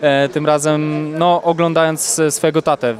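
Outdoors at an event press wall, a young male reporter holds a handheld mic and asks long, rambling, filler-laden questions in a post-fight interview. His voice is on the high side with little pitch movement, and he speaks at a moderate pace.

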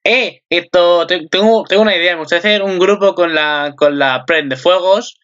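Shy stammering anime schoolgirl, put on by a man, slightly raised pitch, bright edge, dull lo-fi mic. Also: moderate pace. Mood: hesitant. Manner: hesitant, stammering.

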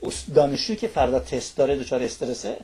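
A man's voice: mid-range voice, lively intonation, mellow, husky. A man explaining a topic as a studio guest on a talk show. He lectures in long lists and keeps checking in with his listener through little tag questions.

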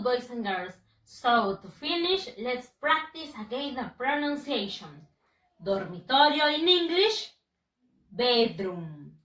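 A woman teaching English to young children, drilling words slowly in a sing-song way with lots of praise. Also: high voice, sharp tone, reverberant, recorded from a distance, poor audio. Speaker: primary school English teacher. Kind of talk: bilingual lesson for young children.

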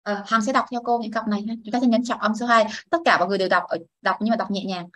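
A woman's voice: medium pitch, fairly even intonation, racing, no echo. A woman teaching a classroom pronunciation lesson, patiently explaining and modelling words for students to repeat. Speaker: English teacher.

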